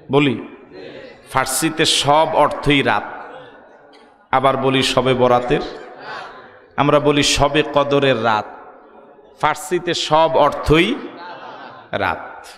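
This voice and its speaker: A man's voice: medium pitch, takes it slowly, pauses often, a bit bright, long reverb tail. A man with a Bangladeshi Bengali accent preaching a sermon, calling out questions to the crowd and joking between points. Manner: calls out questions to the crowd, jokes, chanted Arabic verses.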